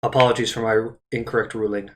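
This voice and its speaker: A man's voice: fairly low pitch, level tone, fast, a little hiss or hum. A man running a tabletop game as dungeon master, rambling and punning and often correcting himself. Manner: rambling, punny, self-correcting.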